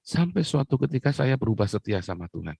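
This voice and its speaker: A man's voice: mid-range voice, very animated, fast talker, vocal fry, warm tone, slightly rough, dry recording. A man from Indonesia preaching a sermon with personal testimony, exclaiming often and addressing his listeners as brothers and sisters.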